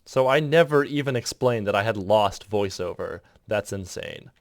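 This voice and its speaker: A man talks through an editing tutorial in a loose, rambling voice-over, breaking off mid-thought and chuckling at himself. His pitch bounces around a lot. The recording is close and dry, with no room sound. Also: lively intonation, normal speed, creaky, dry recording. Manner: rambling, self-interrupting, chuckling asides. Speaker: video editor explaining his process.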